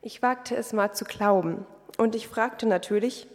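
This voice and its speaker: A woman's voice: fairly high pitch, unhurried. A young woman, a trainee housekeeper, giving a candid, colloquial personal testimony to a congregation. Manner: candid, lively storytelling with colloquial words. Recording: long reverb of a hall.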